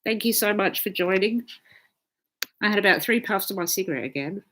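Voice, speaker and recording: A woman's voice: medium pitch, expressive, a little fast, fairly bright tone. A woman astrologer hosting a casual live stream, chatting freely, swearing often and reading out viewer comments.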